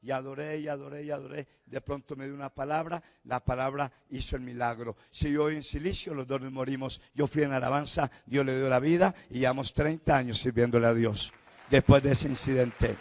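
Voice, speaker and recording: A middle-aged Colombian man preaching a sermon as pastor, swinging between fervent shouts and hushed, tender passages. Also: medium pitch, steady tone, brisk. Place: large church hall. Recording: long church-hall reverb.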